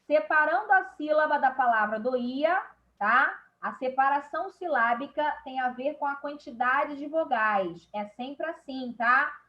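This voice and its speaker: A woman's voice: sits high, unhurried, lo-fi sound. A woman teacher with a Brazilian Portuguese accent, explaining a grammar lesson step by step and checking in with her class.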